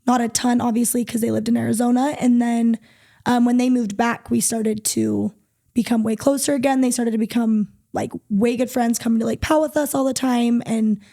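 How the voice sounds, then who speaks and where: Gravelly, mellow young woman guest. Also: a little high, fairly even intonation, brisk. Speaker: podcast guest. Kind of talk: casual chat.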